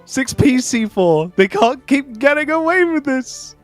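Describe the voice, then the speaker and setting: A man doing live esports commentary on a fighting game, joking and jumping up in excitement on big plays. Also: extremely high pitch, unhurried, soft background music.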